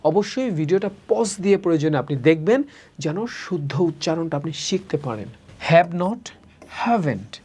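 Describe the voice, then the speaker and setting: A man teaching spoken English in a recorded lesson, saying each word slowly and repeating the forms. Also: a little high, expressive, a little mellow, husky. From Bangladesh. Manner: drills words slowly, repeating each form twice.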